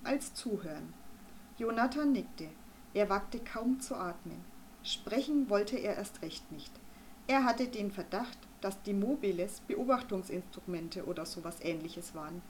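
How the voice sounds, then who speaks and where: A woman narrating a children's story in a calm, measured audiobook reading. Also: mid-range voice, slight background noise.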